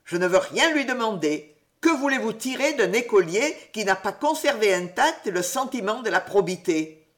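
A woman's voice: mid-range voice, expressive, moderate pace, lightly acted. A woman voicing a solemn male headmaster who scolds a pupil in a reproachful tone. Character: grave disappointed male headmaster.

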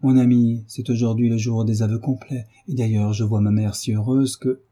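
A man's voice: mid-range voice, level tone, moderate pace, warm tone, natural voice. A man reading an earnest troubled young man. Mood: insistent. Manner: earnest, urgent.

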